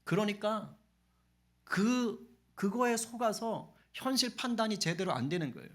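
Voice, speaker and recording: A man's voice: high voice, animated, unhurried. A man preaching a sermon as pastor of a church, talking in a chatty way and acting out the people in his story. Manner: conversational preaching, acting out quoted voices. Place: church sanctuary.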